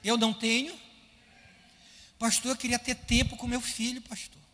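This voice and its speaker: A man preaching a sermon as pastor, animated, firing rhetorical questions at his congregation and acting out his listeners' complaints. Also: extremely high pitch, normal speed, in a large hall.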